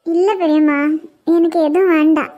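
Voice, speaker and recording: A woman's voice: extremely high pitch, fairly even intonation, normal speed, mellow, dull audio, soft background music. A woman voicing a heartbroken young mother in a cartoon, crying and despairing, with a Kanyakumari Tamil accent. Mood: tearful, despairing. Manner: tearful, despairing, pleading. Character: heartbroken young mother rejected by her daughter. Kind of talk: cartoon web series voice acting.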